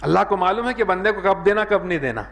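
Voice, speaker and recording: Hyderabadi preacher with a higher male voice. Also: expressive, vocal fry, a bit bright. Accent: Hyderabadi Urdu. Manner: earnest, repeats "jo hai na" as a filler, raises his voice when acting out dialogue. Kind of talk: sermon.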